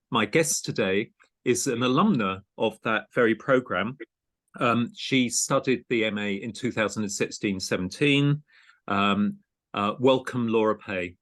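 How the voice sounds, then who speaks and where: A man who is a podcast host and programme director runs an interview in a hesitant, conversational manner, often saying um and restarting. His voice is fairly low in pitch, with a fairly bright tone.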